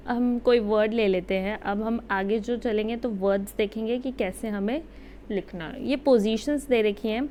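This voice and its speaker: Young woman, slightly high voice, unhurried teacher. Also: a little mellow, a little hiss or hum. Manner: slow, patient explaining. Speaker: shorthand teacher. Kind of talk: casual Hindi-English lesson.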